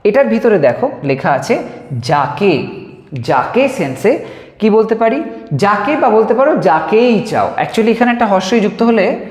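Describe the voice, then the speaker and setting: A male teacher walks through grammar examples with patience, repeating each phrase slowly. His voice rises and falls with lively pitch. The room is roomy, with a long reverb trailing his words. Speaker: English teacher. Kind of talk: explaining grammar lesson.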